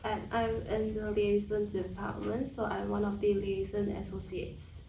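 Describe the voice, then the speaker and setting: A young woman from Malaysia, a student guest answering questions in a steady, casual way. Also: medium pitch, measured pace, vocal fry, slight background noise. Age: young adult. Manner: steady, opens answers with "alright, so". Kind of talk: casual chat. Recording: echoey room, distant mic, faint ambience.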